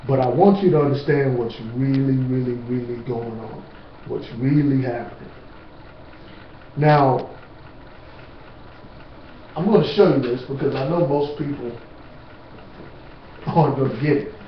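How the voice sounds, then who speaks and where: Slow, emphatic man in a roomy space. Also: mid-range voice. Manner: slow, emphatic, street-talk asides. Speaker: speaker on natural remedies. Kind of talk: informal lecture to camera. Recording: distant, roomy, dull with faint hiss.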